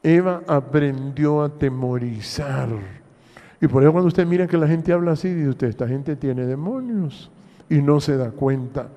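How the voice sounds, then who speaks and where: A man's voice: on the high side, moderate pace, mellow. A man with a Honduran accent, preaching a sermon as pastor and putting rhetorical questions to the congregation in a long church reverb. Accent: Honduran Spanish. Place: church hall.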